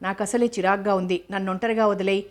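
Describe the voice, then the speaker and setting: A woman's voice: mid-range voice, fairly even intonation, fast, natural voice. A woman voicing an irritable young film actress who talks in curt, scolding lines. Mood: irritated.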